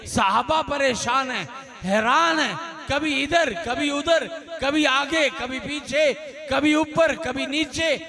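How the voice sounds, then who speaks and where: A man's voice: very high voice, slow pace, gravelly. A man preaching an impassioned religious sermon at a public gathering, building rhythmic repeated refrains that rise into fervent bursts. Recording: crowd noise at a public gathering.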